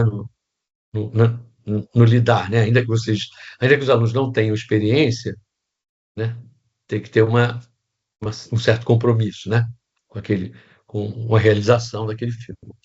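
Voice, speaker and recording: A man's voice: fairly low pitch, flat delivery, normal speed, a little mellow, lo-fi sound. A man with a Brazilian Portuguese accent teaching set design in a casual online class, rambling with restarts and many tag questions.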